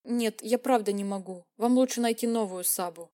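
A woman voicing a timid, tearful young woman who speaks softly and hesitantly. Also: a little high, moderate pace, lightly acted. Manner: soft, hesitant.

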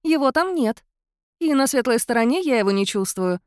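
A woman voicing a blunt, calm female cat-mouse guardian spirit in an audiobook, with an offhand, bossy manner. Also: sits high, normal speed, smooth, dry recording, studio quality, voice pushed up. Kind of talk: audiobook character voice.

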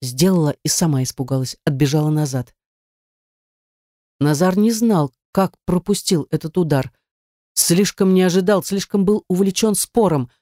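Expressive audiobook narrator, mid pitch, dry close recording. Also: moderate pace, dry recording. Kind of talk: scripted narration of a romance novel.

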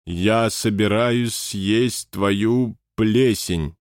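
A man voicing a nervous skinny young man who reads out messages slowly and deliberately. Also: lowish voice, no echo, studio quality. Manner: slow, deliberate reading aloud.

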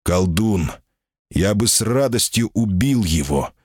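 A man's voice: fairly low pitch, animated, slow pace, a little mellow, breathy edge, dry recording, clean studio sound, exaggerated voice. A man voicing a proud, impatient male jinni in human form, curt in his speech, in an audiobook reading.

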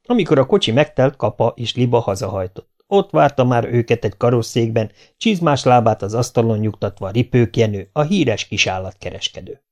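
Gravelly male audiobook reader. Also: mid-range voice. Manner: steady storytelling narration. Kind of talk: reading a children's novel aloud.

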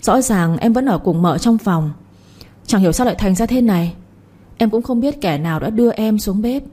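A woman's voice: mid-range voice, animated, normal speed, warm tone, husky. A woman voicing a frightened young maidservant who pleads through sobs. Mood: pleading. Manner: sobbing, pleading.

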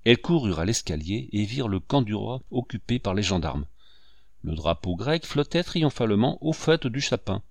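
Man reading a novel with lively pitch. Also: moderate pace, creaky, no echo. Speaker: audiobook reader. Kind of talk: expressive literary narration.

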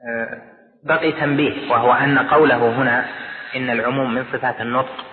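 A man's voice: medium pitch, level tone, brisk. Man, sheikh giving a lesson, methodical explainer who checks that students follow, long hall reverb, echoey room. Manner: explains step by step, repeating terms and asking "clear?". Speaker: sheikh teaching a text. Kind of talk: classical lecture explaining a text. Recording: echoey lecture hall, tinny lo-fi audio, audience present.

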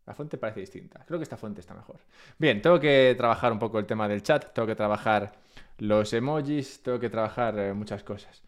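On the low side and a little fast, a man from Spain chats away to his stream viewers from home in a Spain Spanish accent. He's relaxed, wanders from topic to topic, and teases himself.

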